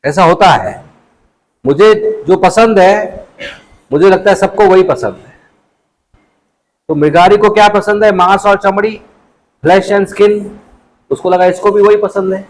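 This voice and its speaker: Male preacher for a youth class, lively storytelling sermon, acts out characters, fairly high voice. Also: a little slow, long pauses, poor audio. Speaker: monk giving a youth class.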